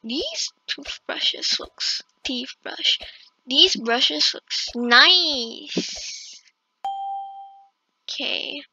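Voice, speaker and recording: A woman's voice: high voice, lively intonation, very slow, long pauses, pushed and bright. A woman giving casual gameplay commentary, chatting and reacting aloud to herself as she plays, on a slightly lo-fi recording. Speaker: gaming video host.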